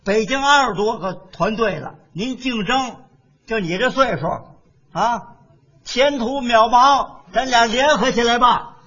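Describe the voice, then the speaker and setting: A man's voice: very high voice, a little slow, bright, forceful tone, slightly rough, lo-fi sound. A man, a crosstalk comedian performing on stage in a boastful, blustering, playful manner. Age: 70s.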